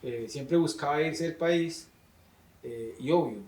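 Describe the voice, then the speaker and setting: A man's voice: a little high, takes it slowly, darkish tone, recorded from a distance. A man, a teacher interviewing a guest in a thoughtful, rambling way. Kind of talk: conversational interview questions. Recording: roomy, off-mic sound.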